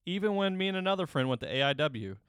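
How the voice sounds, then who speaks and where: A man co-hosting a casual podcast, telling stories in an animated, profane way and imitating other people's voices. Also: high-pitched, quick pace, smooth, no echo, studio quality. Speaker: podcast co-host.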